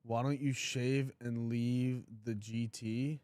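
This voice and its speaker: A man's voice: mid-range voice, little pitch movement, slow, a little mellow, no echo. A man in his twenties hosting a trading livestream, talking casually and bluntly, teasing his chat and reading comments aloud. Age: 20s.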